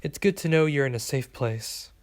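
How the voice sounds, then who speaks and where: A man voicing a gentle, caring middle-aged mother in an audiobook, close to his own gravelly voice. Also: mid-range voice, expressive, normal speed, lightly acted. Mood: tender.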